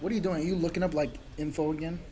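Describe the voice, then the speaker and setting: A man's voice: a little high, steady tone, racing, crowd noise. A man streaming a game, chatting casually with a friend, joking and laughing a lot. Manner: goofy, jokey, laughs often, bursts into silly voices. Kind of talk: casual gaming chat.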